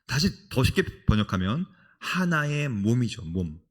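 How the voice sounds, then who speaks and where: A middle-aged man giving a sermon-style lecture at a church couples' retreat. He talks to the audience directly and tells stories with sudden emphatic bursts. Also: unhurried. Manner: animated storytelling with sudden emphatic high bursts; engages the audience with direct address and questions.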